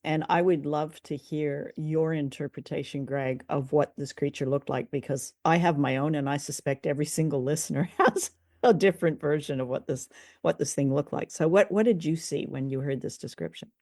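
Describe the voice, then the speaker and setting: A woman co-hosting a podcast, leading the chat with lively, curious questions about an old radio play. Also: deep voice, normal speed, no echo, clean studio sound. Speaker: podcast co-host. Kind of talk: casual review discussion.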